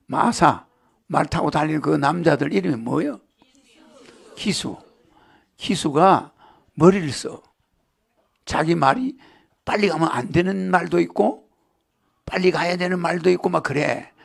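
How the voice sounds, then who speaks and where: A man with a strikingly gravelly, creaky voice that sits high for a man. He lectures a live crowd in a loose, rambling way and keeps checking in with rhetorical questions. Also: slow, long pauses. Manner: jokes and laughs with the audience. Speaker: spiritual lecturer.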